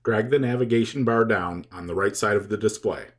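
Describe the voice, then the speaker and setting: Reading from a script, a male tutorial presenter walks through instructions one measured step at a time. His voice sits on the lower side.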